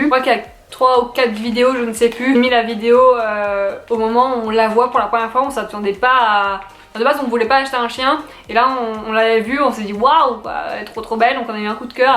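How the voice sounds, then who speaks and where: A woman's voice: a little high, a bit bright. A young woman vlogger chatting casually about her shopping, rambling with fillers and restarts. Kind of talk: casual haul video chat. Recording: echoey room with faint noise.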